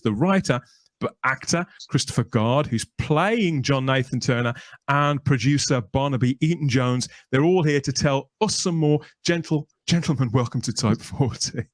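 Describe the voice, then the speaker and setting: Chatty and long-winded, a male podcast host handles introductions and interviews using showy, presenter-style wording. He speaks at medium pitch with no room sound.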